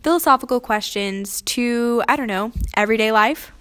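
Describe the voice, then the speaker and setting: A young woman from Missouri co-hosting a casual podcast. She talks in a friendly, easygoing way, often using fillers, and her voice sits a little high. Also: normal speed, fairly bright tone, clear, resonant tone. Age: young adult. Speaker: podcast co-host. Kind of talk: casual chat.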